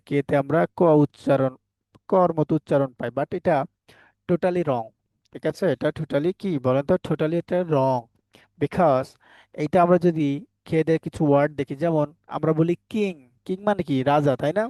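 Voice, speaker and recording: A man's voice: fairly high pitch, dark tone, dry recording. A man teaching an online class, drilling his students with repeated questions and answers. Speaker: English teacher. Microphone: headset.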